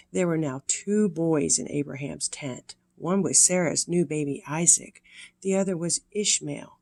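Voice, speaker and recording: Sweet older woman with a creaky voice. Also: low voice, darkish tone. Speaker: grandmother reading children's Bible stories. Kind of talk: read-aloud storytelling with casual explanatory asides.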